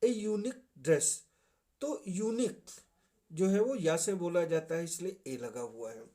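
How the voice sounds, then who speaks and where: A man's voice: sits high, lively intonation, unhurried, warm tone. A man with a Hindi accent explaining English grammar in a classroom lecture style, repeating key points. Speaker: English teacher.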